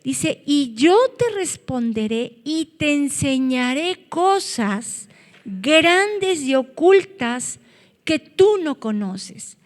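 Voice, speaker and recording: A woman preaching a sermon, earnest, rising to loud cries when she quotes scripture. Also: high-pitched, lively intonation, extremely slow, in a large hall.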